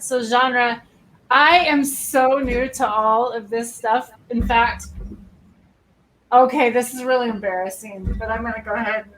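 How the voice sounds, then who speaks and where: A woman's voice: a little high, a bit bright, poor audio. A woman of fifty chatting casually on a livestream, rambling and poking fun at herself. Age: 50s. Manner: rambling, self-mocking storyteller.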